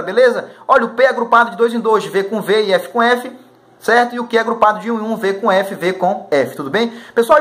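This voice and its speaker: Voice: medium pitch, fairly bright tone. A teacher from Brazil, giving a recorded lesson for exam prep in a casual, slangy way and constantly checking in with the students. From Macapá, Brazil.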